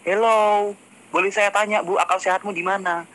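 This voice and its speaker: A man's voice: high voice, steady tone, normal speed, fairly bright tone, rough recording. A man speaking in a voice-note debate, mocking and sarcastic as he argues. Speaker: religious debater.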